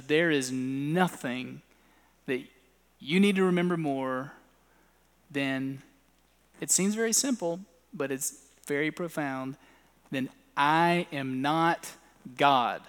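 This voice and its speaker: A pastor with a high, light voice delivers his sermon, carried on the long reverb of a large hall. He moves between pressing, raised lines and hushed, low ones as he tells a story to his listeners. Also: takes it slowly, pauses often. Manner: storytelling preacher who swings between loud and hushed delivery.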